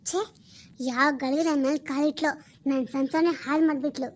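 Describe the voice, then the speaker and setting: A woman voicing a jealous, sharp-tongued young wife in an animated drama, scolding and accusing. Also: high voice, brisk, natural voice.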